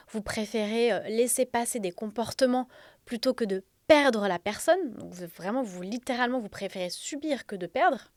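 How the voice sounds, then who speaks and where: A woman's voice: a little high, a little mellow, dry recording, studio quality. A woman hosting a self-help episode, explaining directly and conversationally in a slightly throaty voice, with a sore, swollen throat from tonsillitis. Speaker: podcast host. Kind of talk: spoken self-help episode addressed to listeners.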